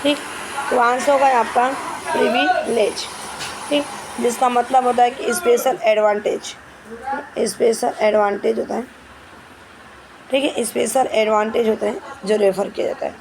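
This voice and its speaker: Lady teacher doing exam grammar in hindi, fairly high voice, bit of fry, faint hiss behind. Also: fairly even intonation. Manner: explains step by step, repeats "ठीक है" often; reads English questions slowly and carefully. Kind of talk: Hindi grammar lesson with English terms.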